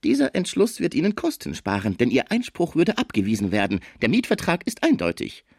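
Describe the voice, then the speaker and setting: A man voicing a sly, menacing male lawyer who sneers and mocks in a high, sharp voice. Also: wildly swooping pitch, a little fast, no echo, clean studio sound. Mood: sneering.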